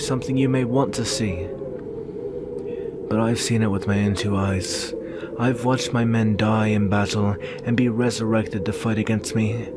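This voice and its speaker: A man with a natural, mid-range voice plays a brooding, protective young northern warrior and devoted lover in an earnest, solemn ASMR roleplay. It's an intimate, slow, dramatic monologue with measured pauses. The ambient background is very noisy.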